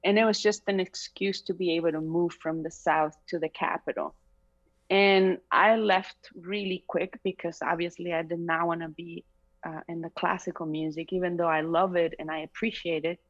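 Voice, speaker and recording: Her voice fairly low and steady at a normal speed, a middle-aged Chilean woman, a singer and native Spanish speaker, talks casually and thoughtfully as an interview guest, laughing often. The video call audio from her bright home room sounds slightly dull.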